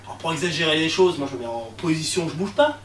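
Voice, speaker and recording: A young man performing a comic monologue in slangy street talk, breaking into sudden shouts. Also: on the high side, expressive, fast. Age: young adult. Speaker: stand-up comedian. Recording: echoey room, far mic, faint noise.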